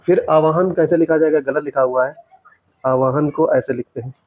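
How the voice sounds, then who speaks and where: A man teaching, going through exam questions and correcting each answer step by step, repeating the right words slowly. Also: a little high, fairly even intonation, no echo. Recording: dry, dull lo-fi sound.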